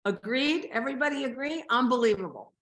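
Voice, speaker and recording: A woman's voice: high-pitched, fairly quick, fairly bright tone, poor audio. A woman in an online workshop giving effusive feedback, stumbling over her words with many restarts. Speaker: workshop participant. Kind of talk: casual feedback. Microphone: video call.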